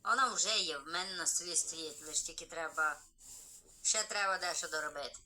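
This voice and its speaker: A man live-streaming a game, chatty and excited, greeting viewers as he plays. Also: on the high side, fairly quick, poor audio.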